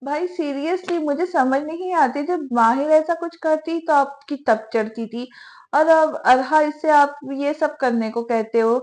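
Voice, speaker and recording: A woman's voice: high voice, a little mellow, close to an everyday voice. A woman voicing a caring young sister in a novel reading, speaking affectionately with a teasing edge.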